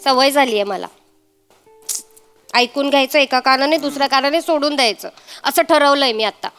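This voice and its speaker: Sarcastic high-voiced woman in a comedy sketch. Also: moderate pace, soft background music. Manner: sharp-tongued, sarcastic, bickering. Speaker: daughter-in-law in a comedy sketch. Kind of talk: stage comedy sketch acting.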